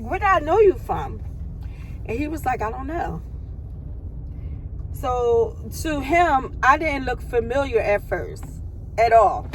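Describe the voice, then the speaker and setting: Chatty woman vlogging on the go. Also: fairly high pitch. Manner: chatty, storytelling, addresses viewers as y'all. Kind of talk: casual chat. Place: outdoors on a city street and in a car. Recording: faint street and car noise.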